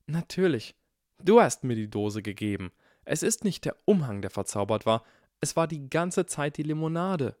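A man voicing an eager, clever young schoolgirl who talks briskly in a storybook reading. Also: mid-range voice, animated, dry recording, studio quality, voice pushed up, lightly acted.

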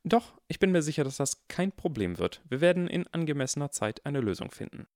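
A man's voice: medium pitch, big pitch swings, darkish tone, dry recording, clean studio sound, pitched above the performer's own voice. A man voicing a stern, formal older female witch professor in an audiobook reading. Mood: hesitant. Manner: formal, measured, hesitant at times.

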